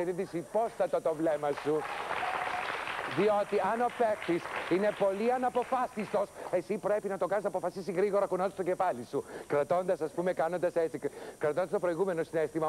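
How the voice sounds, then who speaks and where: An actor playing an exasperated TV producer who nags and lectures a new hire. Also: male voice, high voice, darkish tone, slight background noise, natural voice. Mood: lecturing. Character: exasperated TV show producer, a middle-aged man. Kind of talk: TV sketch comedy acting.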